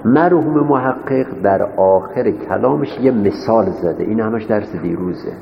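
A man's voice: lowish voice, gravelly. A man teaching a seminary class, repeating each point and asking his students rhetorical questions. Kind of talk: classroom lecture. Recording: echoey hall, dull lo-fi sound with faint noise.

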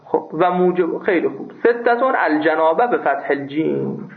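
A man's voice: on the high side, expressive, creaky. A man teaching a seminary class on religious law, emphatic and scolding, who raises his voice at his students. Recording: tinny phone-like recording.

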